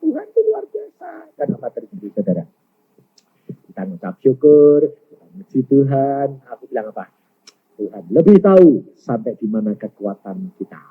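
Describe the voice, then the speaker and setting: Male evangelist, animated storytelling sermon, husky tone, dull lo-fi recording. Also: mid-range voice, normal speed. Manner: animated, acts out quoted voices, mixes in Javanese words. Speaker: evangelist preacher.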